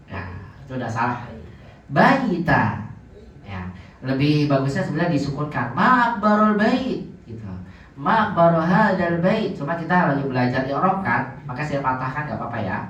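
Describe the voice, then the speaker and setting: A man's voice: medium pitch, animated, moderate pace, fairly bright tone. A male Arabic teacher patiently drilling phrases for his students to repeat. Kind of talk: online Arabic grammar class. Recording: echoey, distant, dull lo-fi sound with faint noise.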